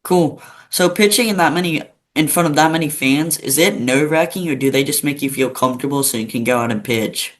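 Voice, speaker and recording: A man's voice: on the high side, brisk, hardly any pauses, a bit bright. A male interview host asking short, plain questions in a casual way.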